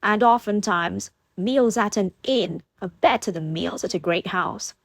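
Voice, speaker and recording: A woman's voice: medium pitch, measured pace, no room sound. A woman voicing a frank, good-humored young lord, close to her own reading voice. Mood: jovial. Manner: frank, jovial.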